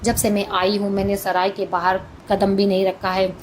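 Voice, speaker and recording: A woman's voice: mid-range voice, completely flat delivery, normal speed, slight background noise, close to an everyday voice. A woman doing a virtuous captive queen. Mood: pleading. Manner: pleading, then resolute.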